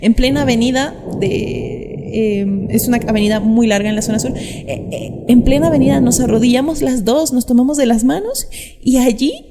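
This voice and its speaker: A woman's voice: on the high side, normal speed, in a large hall, very noisy. A young woman telling her personal story to camera outdoors, earnest and emotional, sometimes acting out what others said. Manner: earnest, acts out quoted voices. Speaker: vlogger sharing her testimony. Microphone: camera mic.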